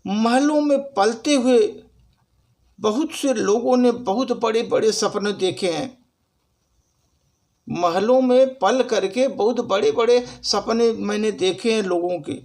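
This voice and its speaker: A man with a high voice recites a short poem in a slow, deliberate way. He repeats each line with emphasis and keeps addressing his listener as sir. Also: darkish tone. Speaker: poetry reciter. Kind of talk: recited Hindi poetry with spoken introduction.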